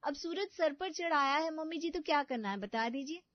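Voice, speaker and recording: A woman's voice: high voice, expressive, moderate pace, dry recording, highs cut off, voice pushed up. A woman voicing a naive, dim-witted young bride who talks innocently and sweetly in a cartoon story.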